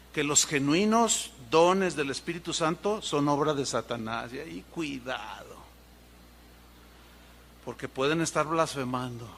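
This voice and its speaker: A man preaching, telling humorous anecdotes in an animated way and imitating sounds. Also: fairly high pitch. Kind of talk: sermon storytelling.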